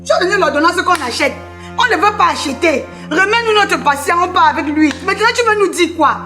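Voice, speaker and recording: A woman playing a loud, grieving widow in a comedy sketch, with a Cameroonian French accent and a dramatic, theatrical manner. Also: very high-pitched, lively intonation, fairly quick, roomy sound, music in the background. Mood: indignant. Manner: theatrical, loud, wailing laments.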